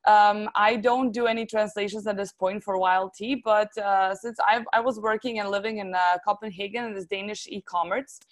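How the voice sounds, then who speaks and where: A Serbian woman with a Serbian accent, who founded a translation agency, chats casually as an interview guest. Her mid-range voice has fairly even intonation, moving at a moderate pace with hardly any pauses.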